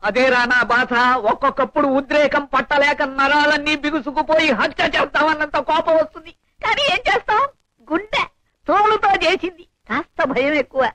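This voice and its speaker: An actor playing a greedy, cowardly temple priest who talks in a whining, wheedling comic way, in a film comedy scene. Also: male voice, extremely high pitch, brisk, sharp tone, a little hiss or hum. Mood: complaining. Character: scheming poor temple priest, middle-aged, greedy and cowardly. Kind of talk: 1980s film comedy acting.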